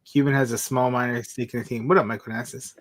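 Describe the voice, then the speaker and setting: A man's voice: mid-range voice, steady tone, fast talker. A man in his forties hosting a casual livestream chat, laughing often and reading out viewer comments. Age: 40s. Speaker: stream host.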